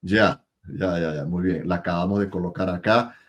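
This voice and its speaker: A man hosts an interview over a video call in a fairly low voice. He is chatty and laughs easily, often stumbling and repeating words as he talks. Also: normal speed, muffled recording. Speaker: interview host. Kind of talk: casual interview and enthusiastic sign-off.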